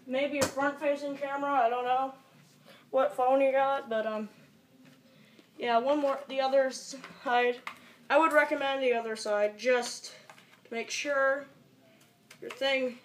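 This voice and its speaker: Speaking at a measured pace with long pauses, a young teenager uses a high voice with fairly even intonation, muttering and swearing through an improvised tutorial vlog. This amateur video maker recorded in a small bedroom on a camera mic, producing echoey, noisy audio.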